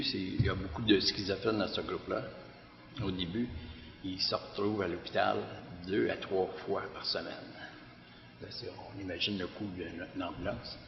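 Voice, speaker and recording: Deep-voiced Québécois man in an echoey hall. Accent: Québécois French. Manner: hesitant, many fillers and restarts. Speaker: director of a community garden organization. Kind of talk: public testimony talk. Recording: echoey hall, dull lo-fi sound.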